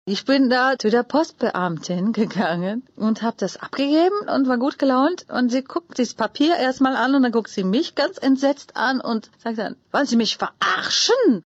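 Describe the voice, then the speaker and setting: A woman telling a personal anecdote with expressive storytelling. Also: a little high, moderate pace, few pauses, no room sound, dull audio. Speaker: interviewee.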